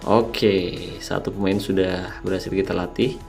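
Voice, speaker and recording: In an unhurried, flat delivery full of vocal fry, a young man gives a laid-back gameplay tutorial for his mobile game channel and calls his audience "guys." His low voice is a little mellow, slightly nasal, and sleepy, fitting the late-night hour, and faint music plays in the background.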